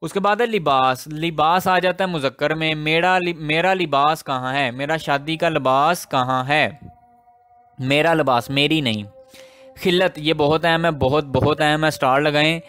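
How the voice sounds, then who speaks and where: A male teacher, a native Urdu speaker, working through a grammar lesson word by word. His voice sits a little high, and he talks slowly and deliberately, building example sentences and repeating the key words to drive them home. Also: a bit bright, clean tone, soft background music.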